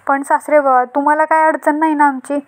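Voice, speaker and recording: A woman reading the lines of a sly young son-in-law who flatters his father-in-law. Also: high-pitched, a little fast, close to an everyday voice. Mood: flattering. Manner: polite, flattering.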